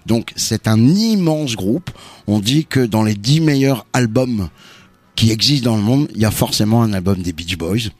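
A man hosting a radio music show, explaining music history in an unhurried, knowledgeable way. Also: lowish voice, animated, darkish tone, dry recording. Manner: explanatory, knowledgeable, drawn-out phrasing. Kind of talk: casual on-air music chat.

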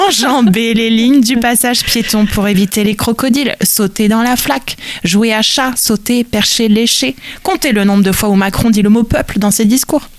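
A woman's voice: fairly high pitch, normal speed, hardly any pauses, no echo. Playful theatrical woman, very dry sound. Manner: theatrical, playful, wordplay-heavy. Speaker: columnist. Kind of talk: humorous performed monologue.

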